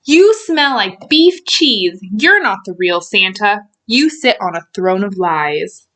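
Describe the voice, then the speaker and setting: Woman putting on an excitable childlike man-elf. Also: mid-range voice, a little slow. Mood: accusing. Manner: earnest, exclamatory. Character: Buddy, excitable, childlike, naive grown man raised as an elf.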